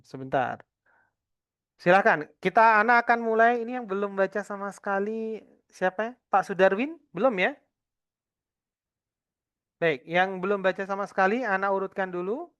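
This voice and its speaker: A man teaching an Arabic lesson to adult students, patiently explaining and slowly repeating each word for the class. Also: sits high, bright, forceful tone, clean tone, lo-fi sound.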